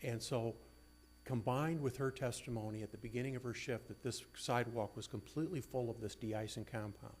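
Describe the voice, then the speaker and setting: A man's voice: mid-range voice, fairly quick, a little mellow, a little hiss or hum. A man speaking as an attorney in appellate oral argument, insistent and argumentative yet deferential. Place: courtroom.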